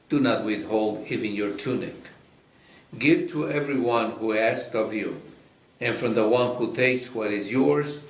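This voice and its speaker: Male clergyman for a Mass, unhurried and solemn, echoing church sound. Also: medium pitch. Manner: solemn, measured. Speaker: priest or deacon reading the Gospel at Mass. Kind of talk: liturgical scripture reading and chanting. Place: reverberant church during a service. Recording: echoey church acoustic.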